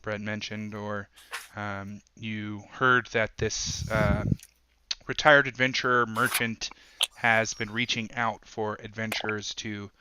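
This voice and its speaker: Bright, even-toned male dungeon master. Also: on the low side, a little hiss or hum, poor audio. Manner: halting, with many ums and uhs. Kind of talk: narrating a tabletop game.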